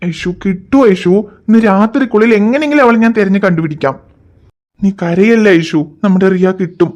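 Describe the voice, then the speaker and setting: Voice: mid-range voice, fairly quick, darkish tone, lo-fi sound, natural voice. A voice actor playing a worried husband in a cartoon, firmly reassuring his wife. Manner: reassuring, firm.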